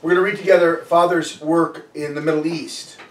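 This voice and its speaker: A man preaches in a relaxed storytelling way, often breaking off and starting his sentences over. His voice sits fairly high for a man. He is picked up from a little way off the mic, in a room that echoes. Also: fairly quick, distant mic. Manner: loose and storytelling, with frequent restarts. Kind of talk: conversational sermon. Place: church sanctuary.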